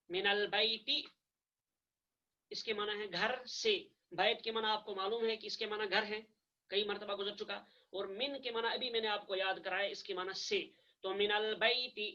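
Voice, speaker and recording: Patient male teacher, bright lo-fi voice. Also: sits high. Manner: patient, repeats and spells out each point. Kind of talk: online classroom lecture. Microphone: video call microphone.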